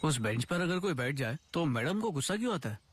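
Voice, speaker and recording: A man's voice: a little high, sing-song, fast, slight background noise. A man speaking dubbed film dialogue as a driver, apologetic and eager to please. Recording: film soundtrack with music behind.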